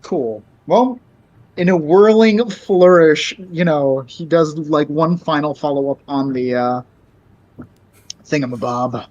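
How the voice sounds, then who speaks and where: A man's voice: on the high side, slow pace, darkish tone, no room sound. Hesitant man on a dull, dry mic. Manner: hesitant, many fillers. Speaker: player. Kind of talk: casual tabletop game play.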